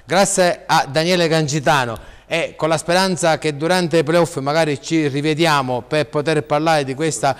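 A man hosts a live TV sports show in a casual style. His voice sits fairly high and, with the long echo of a studio around it. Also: steady tone, normal speed, few pauses, clean tone. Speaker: sports talk show host. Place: TV studio with hard reverberant acoustics. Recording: echoey studio hall sound.

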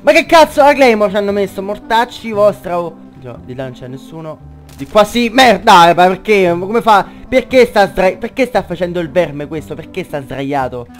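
A young man doing excitable gameplay commentary, swearing a lot and shouting in bursts. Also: high voice, moderate pace, soft background music. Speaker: gaming YouTuber.

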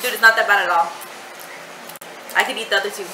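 A woman's voice: medium pitch, steady tone, fast. A young woman in casual, giggly, teasing banter as she reacts to eating gross jelly beans. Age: young adult. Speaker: challenge vlogger. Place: home kitchen area, indoors. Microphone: camera or webcam at arm's length. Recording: roomy, noisy home camera audio.

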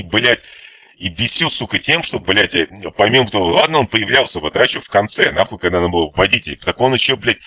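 His low voice sounds pushed and bright in a dry recording. Playing a game, this commentator gives a rambling, irritated let's-play rant packed with constant swearing.

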